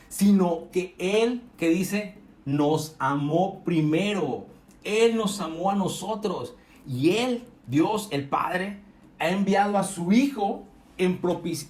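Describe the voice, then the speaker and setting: Middle-aged male youth pastor from Mexico, earnest sermon delivery, fairly high voice, echoey room. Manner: earnest, rises and slows for emphasis, frequent self-corrections.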